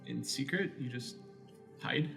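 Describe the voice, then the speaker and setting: Male tabletop player, medium pitch, bright tone, casual improvising with light music behind. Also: unhurried, vocal fry. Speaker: player in a tabletop role-playing game. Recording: music playing under the voice. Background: background music.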